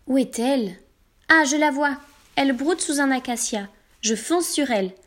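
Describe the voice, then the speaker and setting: A woman reading a children's storybook in the first person, animated and acting out every emotion. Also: high-pitched, moderate pace. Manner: animated, acts out emotions as a girl.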